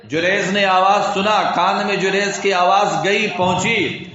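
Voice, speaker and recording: A man's voice: fairly even intonation, bright, forceful tone. A man preaching a weekly sermon, telling a cautionary story and urging his listeners as his brothers to honor their parents. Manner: storytelling, rising high for the pleading mother and dropping low for asides. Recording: very echoey, dull lo-fi sound.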